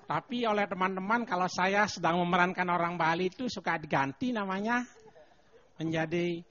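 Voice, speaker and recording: Older guy doing lively stand-up on a tv stage, bright edgy voice, dull lo-fi sound. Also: sits high, normal speed. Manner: animated, chanting mock announcements in a raised voice. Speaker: guest stand-up comedian. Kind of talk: stand-up comedy routine. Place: TV studio stage with live audience. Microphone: handheld mic on stand. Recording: dull lo-fi TV broadcast.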